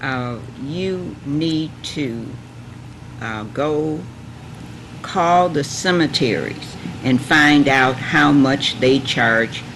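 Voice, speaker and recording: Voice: mid-range voice, drawn-out words. Guest giving advice over noticeable hiss. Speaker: talk show guest. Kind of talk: casual studio chat.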